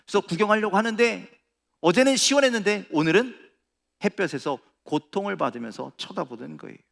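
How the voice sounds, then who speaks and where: Animated pastor, bright gravelly voice, hall echo. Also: male voice, high voice. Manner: animated preaching, acting out quoted prayers in a raised voice. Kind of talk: sermon. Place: large church sanctuary. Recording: reverberant church hall.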